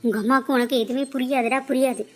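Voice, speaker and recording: A fierce, protective mother in a cartoon drama, played by a woman. She speaks high and hard, accusing and demanding answers. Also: steady tone, fast talker, darkish tone. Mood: angry. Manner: accusing, confrontational.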